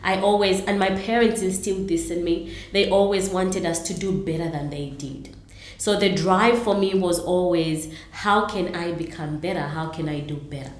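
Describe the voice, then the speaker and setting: Earnest Zambian-born woman, low voice, echoey. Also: fairly even intonation, moderate pace. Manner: earnest, with many ums and repeated starts. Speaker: interview guest, entrepreneur. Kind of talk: conversational interview answers.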